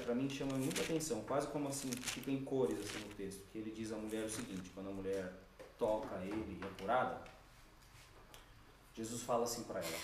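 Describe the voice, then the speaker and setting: A man preaching a sermon, telling stories in an animated way and acting out the voices he quotes. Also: mid-range voice, heavy reverb, recorded from a distance, noisy background.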